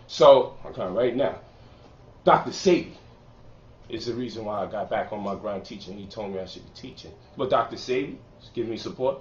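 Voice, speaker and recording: A man's voice: mid-range voice, slight background noise. A man from Brooklyn, a lecturer and author, talking heatedly and boastfully in a sit-down interview with a preacher-like cadence. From Brooklyn, New York. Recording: roomy, distant, muffled recording.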